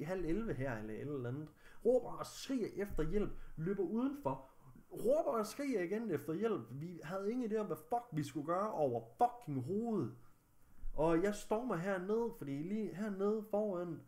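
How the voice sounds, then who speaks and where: Young male vlogger, slightly high-pitched, agitated, swears heavily. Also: a little mellow. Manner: agitated, angry, heavy swearing. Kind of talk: recounting a personal story to camera.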